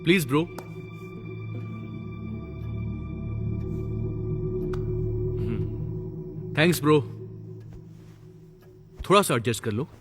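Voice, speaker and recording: A coaxing, lively young boyfriend. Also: male voice, a little high, moderate pace, long reverb tail, soft background music. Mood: friendly. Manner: coaxing, dismissive. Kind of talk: Hindi film dub.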